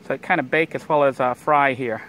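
Vlogging outside next to his van, a man gives a casual how-to as he cooks, rambling easily and dropping in lots of fillers. His voice is mid-range and he speaks fairly quickly.

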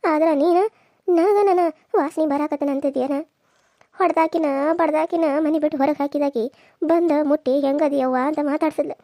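A woman's voice: high voice, steady tone, normal speed, warm tone, dry recording, clean studio sound. A woman voicing a frail old village grandmother in a cartoon serial, with a lamenting, reproachful way of talking. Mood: hurt.

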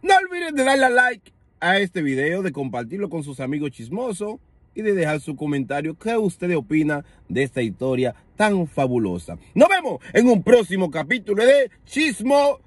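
A man's voice: high voice, big pitch swings, moderate pace, no room sound. A man giving a theatrical, mock-announcer sign-off for a gossip series. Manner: theatrical, exaggerated announcer delivery. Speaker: show host.

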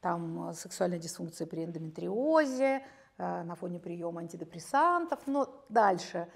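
A woman in her late fifties, a gynecologist explaining medical topics in a measured, academic way, sometimes breaking into lively storytelling, recorded on a lapel mic in a studio. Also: on the low side, gravelly. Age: 50s. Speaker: gynecologist guest expert. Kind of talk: conversational expert explanation. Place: bright studio, seated on chair.

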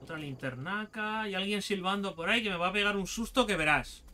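A man, excitedly commenting as he plays a game, swearing and talking to himself. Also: high voice, fairly quick. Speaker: gaming video host. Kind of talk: let's play commentary.

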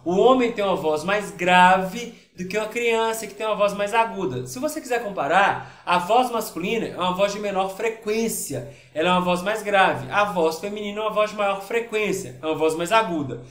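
A man's voice: sits high, animated, a little fast, few pauses, a bit bright, roomy sound. A man with a Brazilian Portuguese accent, a physics teacher talking casually through worksheet exercises in an online lesson and often checking in with his students.

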